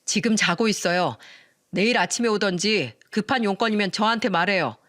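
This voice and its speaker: A woman's voice: mid-range voice, a little fast, fairly bright tone, lightly acted. A woman reading a stern young husband. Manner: stern, blunt. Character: firm young husband protecting his wife. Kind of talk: storytelling radio drama reading.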